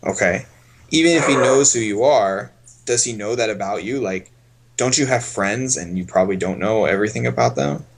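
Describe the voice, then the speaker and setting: A man coaching poker on a casual stream, thinking aloud in a relaxed way as he explains each hand. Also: lowish voice, moderate pace, vocal fry, slight background noise.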